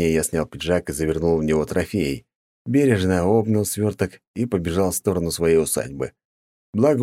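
A man narrating a first-person audiobook in a steady, measured reading. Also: deep voice, dry recording.

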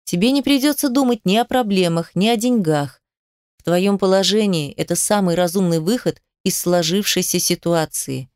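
A woman voicing a middle-aged female ballet company director who speaks in a measured, quietly pressing way. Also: lowish voice, no room sound, studio quality, close to an everyday voice. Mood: persuasive.

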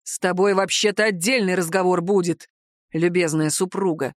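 A woman's voice: mid-range voice, moderate pace, no echo, studio quality, close to an everyday voice. A woman doing a harsh, stern dragon lord. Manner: harsh, barking. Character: stern fire-breathing male dragon lord.

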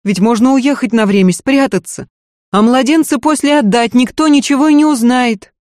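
A woman's voice: fairly high pitch, normal speed, darkish tone, no echo, clean studio sound, voice pushed up, close to an everyday voice. Woman doing timid frightened maid. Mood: pleading. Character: timid young housemaid, frightened, pleading.

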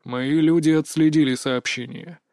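A man voicing a menacing crime boss who speaks through a phone in a cold, metallic voice, slow and commanding. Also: fairly high pitch, fairly even intonation, a little mellow, no echo. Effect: metallic, altered voice. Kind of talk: audiobook narration.

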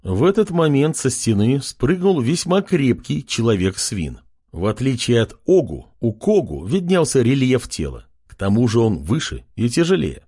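A man's voice: medium pitch, very animated, normal speed, mellow, husky. A man narrating a fantasy audiobook in a scripted reading.

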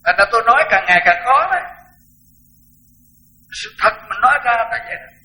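A man's voice: very high voice, very animated, a little fast, pushed and bright, soft background music, rough recording. An older man, a Buddhist monk, giving a frank, blunt dharma talk and repeating words for emphasis.

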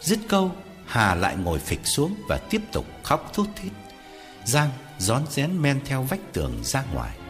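A man tells a spooky tale with a very lively, swooping delivery, his pitch rising and falling as he builds the drama. Faint music sits under his voice. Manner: expressive storyteller. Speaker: narrator. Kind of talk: dramatic horror story narration.

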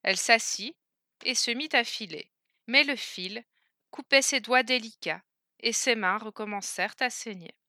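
A woman narrating a fairy tale in a clear, measured storytelling manner. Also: fairly high pitch, sharp tone, no echo, clean studio sound.

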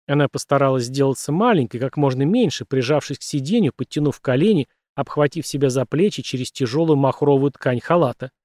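A man's voice: mid-range voice, brisk, hardly any pauses, darkish tone, no room sound, clean studio sound. Man narrating a tense audiobook. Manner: tense, dramatic storytelling.

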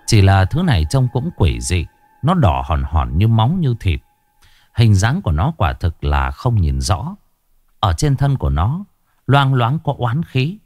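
A man narrating a ghost story in an expressive, colloquial way. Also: on the low side, unhurried, dry recording, studio quality.

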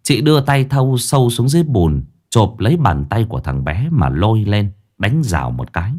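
A man narrating a ghost story with an expressive, dramatic reading. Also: lowish voice, normal speed.

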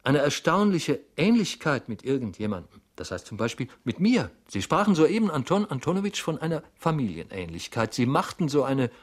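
A man's voice: mid-range voice, very animated, a little fast, few pauses, pitched above the performer's own voice. A man voicing a timid middle-aged male clerk who stammers, halts and keeps repeating himself, in an audiobook reading. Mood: anxious, pleading.

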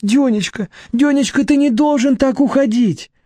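Tearful pleading wife, high and breathless, read by a male narrator, audiobook. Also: takes it slowly, dark tone, dry recording, heavily acted.

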